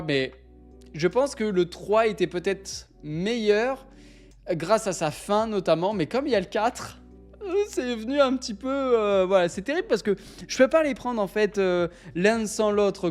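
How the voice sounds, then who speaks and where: A young man hosting a live stream, chatting casually with viewers in an excitable, rambling way, often interrupting himself. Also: high voice. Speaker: livestream host.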